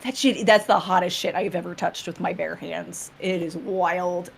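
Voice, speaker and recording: A woman's voice: fairly low pitch, moderate pace, gravelly. Sweary, chatty woman over background noise. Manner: sweary, animated retelling with acted-out asides. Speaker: guest on a game stream. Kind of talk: casual chatty storytelling.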